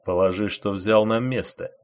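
A man voicing a calm, steely inspector. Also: on the low side, normal speed, lightly acted. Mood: quiet firm. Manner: quiet, level, controlled. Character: calm, composed male inspector, unshaken even when wounded.

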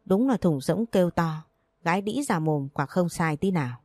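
A woman's voice: lowish voice, expressive, moderate pace, darkish tone, dry recording. A woman doing a sly, spiteful schemer. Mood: mock-innocent. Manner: sneering, mock-innocent.

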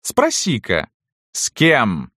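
A man's voice: mid-range voice, wildly swooping pitch, very slow, bright, forceful tone, slightly rough, no echo, clean studio sound, voice pushed up, exaggerated voice. A man voicing a cruel, mocking middle-aged noblewoman landowner who taunts her serfs in a sneering sing-song. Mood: taunting.

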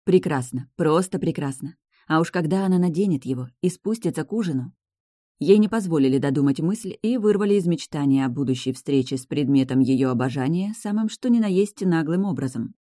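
Low-voiced woman reading a storybook. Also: fairly quick, dry recording, studio quality. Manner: expressive storytelling. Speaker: audiobook narrator. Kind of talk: scripted narration.

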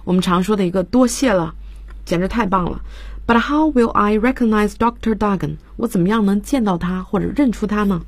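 Her voice is husky and medium in pitch, and she speaks fairly quickly on a dry recording. She's an English teacher on a radio show in a studio, walking through grammar in Chinese and reading English examples.

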